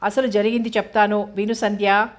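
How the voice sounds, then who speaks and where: A woman reading the part of a troubled young man in an audio novel, speaking earnestly and pleadingly in a flat, even tone. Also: mid-range voice, fairly quick, natural voice. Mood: sorrowful.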